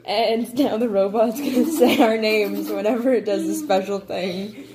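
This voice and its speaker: A woman's voice: mid-range voice, steady tone, normal speed, mellow. A young woman at home, casually explaining game rules to a child while they play. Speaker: channel host playing a card game with a child. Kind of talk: casual chat. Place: home, indoors.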